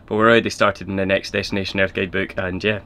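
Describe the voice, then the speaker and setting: A man's voice: sits low, flat delivery, quick pace, heavy background noise. A man, chatting casually to viewers from inside a camper van on a camera held at arm's length. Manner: upbeat, chatty, addressing viewers. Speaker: vlogger. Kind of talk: casual vlog chat. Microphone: handheld camera at arm's length.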